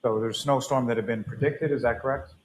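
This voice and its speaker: A man serving as prosecutor, asking a witness measured, halting questions with frequent pauses and throat clearing, heard through a courtroom recording. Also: mid-range voice, steady tone, slight background noise, low-quality recording.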